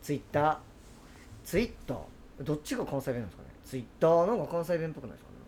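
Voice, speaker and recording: A man's voice: a little high, sing-song, racing, a little mellow, slight background noise. A man with a Kansai accent co-hosting a podcast in casual chat, laughing often and teasing. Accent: Kansai Japanese. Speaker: podcast co-host.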